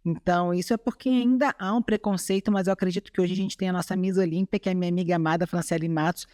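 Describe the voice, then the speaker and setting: A woman's voice: on the low side, steady tone, fast talker, warm tone, no room sound, clean studio sound. A woman from Chile with a Brazilian Portuguese accent, a podcast guest talking earnestly in casual chat. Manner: earnest, tags remarks with "sabe?". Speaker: guest, bodybuilding athlete.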